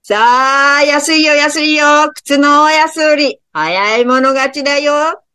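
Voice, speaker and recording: A brash male shoe hawker, as a woman puts him on, shouting bargains in high, loud calls. This is a storybook reading. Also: takes it slowly, dry recording, studio quality, exaggerated voice. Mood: hawking.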